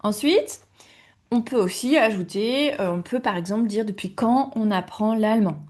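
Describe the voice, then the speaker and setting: A woman's voice: medium pitch, a little mellow. Patient woman teaching German. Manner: patient, repeats words slowly for learners. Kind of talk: online language lesson.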